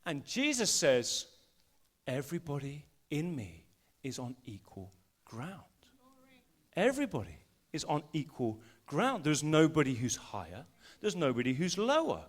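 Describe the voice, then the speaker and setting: At a church service in a school hall, a pastor from England delivers a live sermon in a slightly high, unhurried voice. He invites volunteers up from the congregation, speaking animatedly and building emphasis as he drives his points home.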